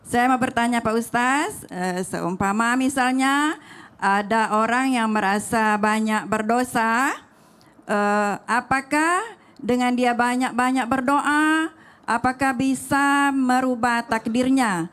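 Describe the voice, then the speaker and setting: A woman's voice: fairly high pitch, takes it slowly, fairly bright tone. A woman from South Sumatra asking a polite, somewhat hesitant question of a cleric. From South Sumatra, Indonesia. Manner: hesitant, polite, some restarts. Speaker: audience member asking a question.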